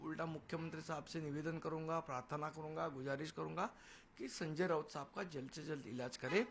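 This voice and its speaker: A political party leader and spokesman gives television news interview answers in a high, gravelly voice, fairly quick and steady in tone. His manner is assertive and defiant, marked by emphatic repetition. Noisy location sound and background ambience surround him.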